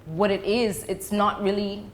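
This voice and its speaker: An interview guest, a middle-aged teacher from the Bahamas and the UK, explains her points deliberately, stopping to find the right words. Her medium-pitched delivery has fairly even intonation, and a slight hiss or hum can be heard.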